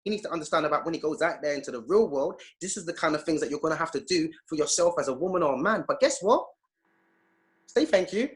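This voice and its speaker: A man with a fairly high, animated voice talks fast as an interview guest on a video call. A youth activist, he is emphatic and preachy in his impassioned answers, performing the voices he quotes.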